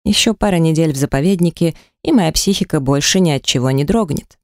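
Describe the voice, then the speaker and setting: An audiobook narrator giving a measured, steady first-person studio reading. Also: medium pitch, dry recording.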